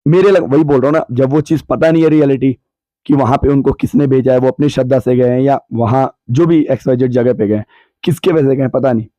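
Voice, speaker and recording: Hoarse man with a very dark voice. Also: medium pitch, no room sound. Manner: measured, explanatory, weighs both sides. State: hoarse, sore throat. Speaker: podcast guest answering questions. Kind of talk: reflective podcast discussion. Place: cold hill town, bundled up.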